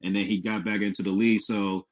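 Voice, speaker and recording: A man's voice: on the low side, flat delivery, fast. A man co-hosting a podcast, talking sports in a laid-back, casual way and often repeating himself. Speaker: podcast co-host. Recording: muffled lo-fi podcast audio.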